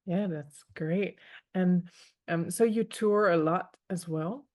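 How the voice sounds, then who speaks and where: A woman's voice: fairly low pitch, slow, darkish tone, dry recording, clean studio sound. A woman hosting an interview podcast, welcoming her guest and asking encouraging questions. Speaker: podcast host.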